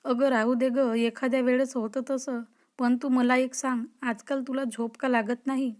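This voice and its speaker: A woman reading the lines of a cheeky young college woman who playfully teases her best friend, in a high voice. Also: little pitch movement, moderate pace, darkish tone, natural voice. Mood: teasing. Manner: teasing, playful.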